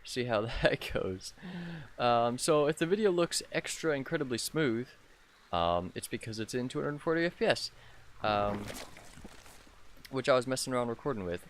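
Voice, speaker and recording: A hoarse young man, sick with a sore throat, giving casual commentary on his own strategy game match as a channel host, with lots of um fillers. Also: mid-range voice, expressive, normal speed, slight background noise. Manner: rambling with many "um" fillers.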